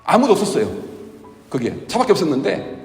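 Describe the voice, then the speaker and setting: A man, a pastor, preaching a sermon with animated, vivid storytelling and acted-out asides. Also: on the high side, quick pace, echoey room, in a large hall, soft background music.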